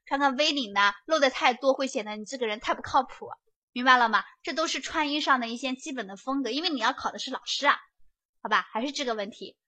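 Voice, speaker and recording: A woman giving a lively prep lecture, chatty and often checking that students follow along. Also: sits high, fast talker. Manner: chatty, keeps asking students to confirm.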